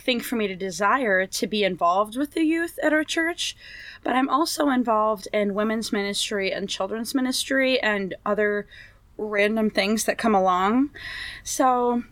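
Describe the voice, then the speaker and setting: A woman's voice: on the high side, no echo. A woman telling stories in casual chat, laughing often and acting out quotes.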